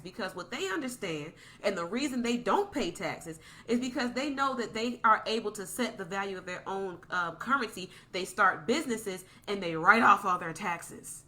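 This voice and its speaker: A woman's voice: medium pitch, bright, forceful tone. A woman delivering a passionate, preachy podcast monologue, repeating points for emphasis.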